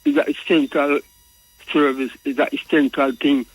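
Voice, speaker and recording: A man's voice: mid-range voice, little pitch movement, moderate pace, husky, dry recording, rough recording. Jamaican Rasta man reasoning on radio. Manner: repeats and circles back over phrases. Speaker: radio call-in guest. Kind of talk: Rasta speech, reasoning about tradition.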